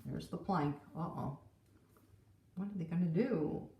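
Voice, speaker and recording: A woman teacher reading a picture book to young children in a gentle, encouraging way. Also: lowish voice, measured pace, far from the mic. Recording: roomy echo.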